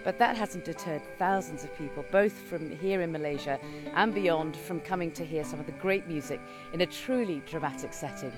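A woman reporter giving a radio travel report in a measured, descriptive way. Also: sits low. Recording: music playing behind.

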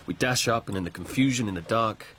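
A man's voice: on the low side, quick pace, a bit bright, a little hiss or hum, close to an everyday voice. An actor playing a cool, sardonic man who takes charge among suspects in a mystery drama.

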